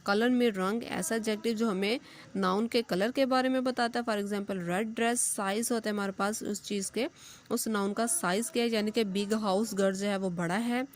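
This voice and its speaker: A woman, a school English teacher giving a recorded lesson, patiently explaining step by step and reading English examples slowly. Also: medium pitch, steady tone. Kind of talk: recorded class lesson explaining grammar and homework.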